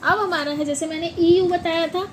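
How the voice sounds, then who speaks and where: A woman teaching English pronunciation in a classroom style, repeating words slowly and asking questions back. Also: extremely high pitch, steady tone, slight background noise, poor audio.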